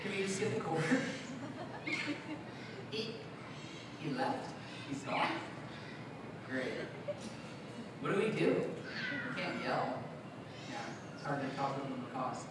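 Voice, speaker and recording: Bantering co-presenter, heavy echo, loud background noise. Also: mid-range voice, animated, slow pace, long pauses. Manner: informal, hesitant, bantering. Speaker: bird show co-presenter. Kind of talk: casual comic stage banter. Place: live bird show before an audience. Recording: very echoey venue, distant, loud noise.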